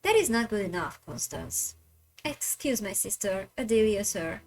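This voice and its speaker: A woman's voice: medium pitch, expressive, moderate pace, darkish tone. A woman voicing a stern upper-class Victorian woman who scolds her younger sister in a haughty manner.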